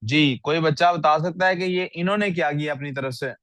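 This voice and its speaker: Class से सवाल पूछता पुरुष teacher. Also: male voice, a little high, brisk, a bit bright, dry recording. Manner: questions the class often, mixes English into Urdu. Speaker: English teacher. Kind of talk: online class, reviewing student writing.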